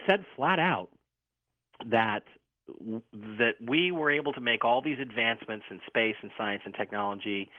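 A man speaking as a talk radio guest, explaining informally in a halting, conversational way over a phone-like line. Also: mid-range voice, dry recording.

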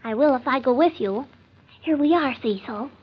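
An actress playing a prim, nervous, stubbornly clinging wife, fretful and earnest, in old-time radio comedy style. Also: female voice, high voice, moderate pace, husky. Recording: dull, lo-fi old radio recording.

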